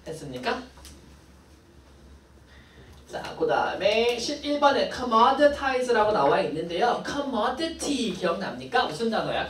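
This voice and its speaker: A woman's voice: medium pitch, slight background noise. Woman teacher going over vocab words, bouncy up and down voice, far from the mic in a roomy class. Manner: brisk, playful asides to students. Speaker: English teacher.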